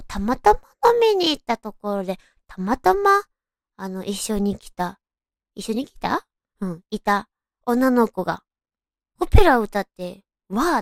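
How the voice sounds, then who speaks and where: Her medium-pitched voice has a sing-song, creaky quality, and she keeps a measured pace. A young woman with a cute, anime-like voice, she hosts a casual solo audio show and introduces herself politely and amiably. The studio-quality recording has no room sound.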